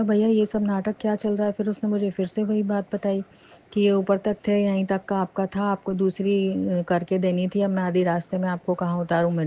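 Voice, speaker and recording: Mellow-voiced woman telling a personal testimony. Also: medium pitch. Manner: animated retelling with many fillers and restarts. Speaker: devotee sharing a testimony. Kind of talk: personal testimony, casual storytelling. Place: lives near Jaipur.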